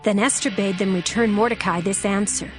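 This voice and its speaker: Woman, scripture narrator, medium pitch, measured storytelling, soft music underneath. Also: steady tone. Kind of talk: scripted dramatic Bible narration. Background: faint music.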